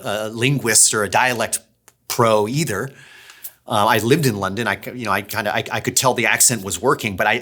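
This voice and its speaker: Explaining his production process casually, this man hosts a behind-the-scenes series about his audio drama directing. His voice is fairly bright in tone and sits on the low side.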